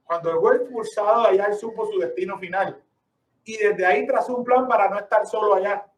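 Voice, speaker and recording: A man's voice: high voice, a little fast, roomy sound, distant mic, low-quality recording. A man preaching a sermon with emphasis, asking rhetorical questions and calling the listeners brother.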